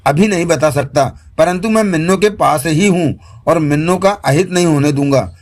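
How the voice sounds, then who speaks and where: A man voicing a raspy masculine spirit who speaks through a woman's lips, evasive and measured, in an audiobook. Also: a little high, lightly acted.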